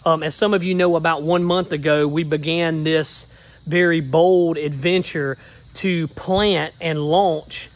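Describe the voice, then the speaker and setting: A man's voice: on the high side, fairly even intonation, a little slow. A man, a pastor giving an earnest, upbeat update in a casual selfie video, recorded outdoors in a backyard on a phone held at arm's length. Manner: earnest, upbeat, rhythmic preacher's phrasing.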